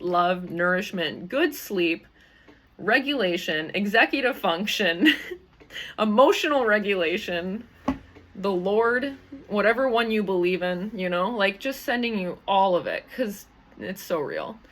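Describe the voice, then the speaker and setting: A woman's voice: on the low side, fairly bright tone. Giggly woman hosting a live stream. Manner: bubbly, giggly, rambling with many fillers. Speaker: host of a live community stream. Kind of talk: casual live-stream talk.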